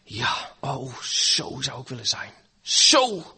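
A man preaching a sermon, dramatic, swinging between loud pleading and hushed, near-whispered lines. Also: mid-range voice, very animated, slow pace, husky.

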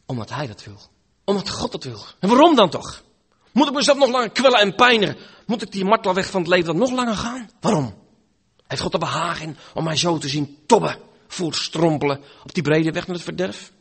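Husky Dutch preacher, dramatic swings. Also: male voice, high-pitched, lively intonation, brisk. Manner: dramatic, swinging between loud pleading and hushed near-whispers. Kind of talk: sermon.

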